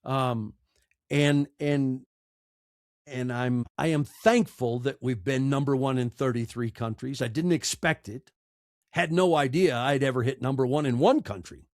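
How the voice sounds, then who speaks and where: A middle-aged man from the United States, an audiobook narrator and podcaster, gives candid interview answers that are conversational, earnest, emphatic and emotional. His medium-pitched voice is a little slow, recorded in studio quality with no room sound.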